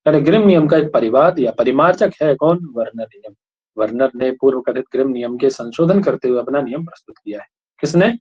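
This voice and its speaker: A man's voice: mid-range voice, a little fast, breathy edge. A male teacher giving a classroom lecture, asking students questions again and again and checking that they follow. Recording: dull lo-fi recording.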